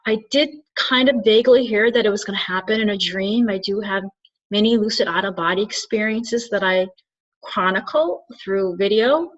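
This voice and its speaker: A woman from Turkey, a spiritual channeler and soul coach, speaks to camera in a reflective solo monologue. Her medium-pitched voice is halting and earnest as she searches for words and restarts often, on a slightly dull lo-fi recording.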